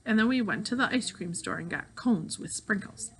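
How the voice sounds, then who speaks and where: A woman with a mid-range voice reads a children's novel aloud as an audiobook, telling the story expressively at a moderate pace. Slight background noise can be heard.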